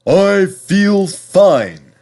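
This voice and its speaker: Storybook steam engine, played by a male narrator: eager, proud, pitched up, exclamatory, with rhythmic repeated phrases. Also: very animated, very slow, darkish tone, heavily acted. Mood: delighted.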